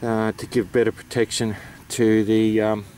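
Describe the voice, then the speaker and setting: Low, flat-toned Australian man explaining informally. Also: normal speed, slight background noise. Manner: hesitant, unscripted, matter-of-fact. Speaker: amateur radio operator presenting.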